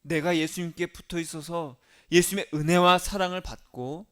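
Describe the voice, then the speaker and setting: A male pastor with a high-pitched voice delivers a sermon. He keeps asking his listeners questions and answering them. His delivery rises to loud emphasis and drops to soft, low asides. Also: fairly even intonation, moderate pace. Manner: asks the congregation questions and answers them himself.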